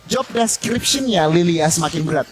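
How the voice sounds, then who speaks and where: A man's voice: high-pitched, expressive, moderate pace. A man with an Indonesian accent breaking down replays and tactics as an esports analyst caster. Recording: music behind the voice. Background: music.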